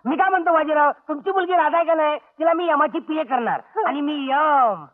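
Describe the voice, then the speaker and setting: An actor playing a cheeky young village man who teases and jokes, on a tinny old film soundtrack. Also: extremely high pitch. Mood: teasing. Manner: quick, teasing, giggly banter.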